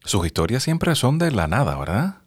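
A man interviewing a guest, asking measured and probing questions with empathy. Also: mid-range voice, big pitch swings, husky, dry recording, studio quality.

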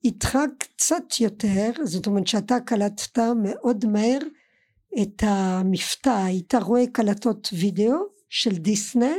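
Mellow-voiced middle-aged woman, native French speaker. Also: medium pitch. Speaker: guest, mother of the host. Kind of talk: casual family recollection.

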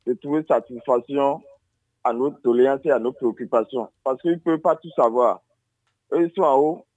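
A man's voice: mid-range voice, darkish tone, dry recording. Formal man on a phone call. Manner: formal, courteous well-wishing. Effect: phone call line. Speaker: caller to a radio show. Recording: dull phone line.

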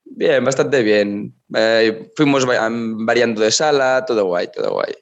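A hoarse man appearing as a guest on a casual podcast after a night out, chatting in a laid-back way. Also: mid-range voice, measured pace, dull audio. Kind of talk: casual chat.

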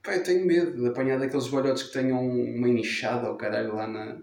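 A man with a European Portuguese accent telling stories in a casual chat, animated and self-mocking. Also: mid-range voice, quick pace, vocal fry. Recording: echoey room.

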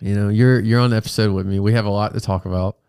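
A congested American man with a froggy, fairly low voice hosts a casual podcast. He talks emphatically and jokes at his own expense. The sound is dry and close, and his tone stays smooth under the stuffiness. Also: fairly even intonation, fast, darkish tone, no room sound. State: congested with a sinus infection. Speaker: podcast host. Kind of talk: casual, joking chat.

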